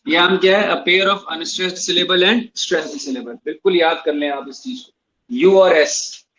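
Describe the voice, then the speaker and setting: His voice sits high and a bit bright, and he talks slowly, with the recording's highs cut off. This man teaches English literature to students in a classroom that is streamed online, covering exam questions in a Hindi-English mix while spelling out words and repeating key points.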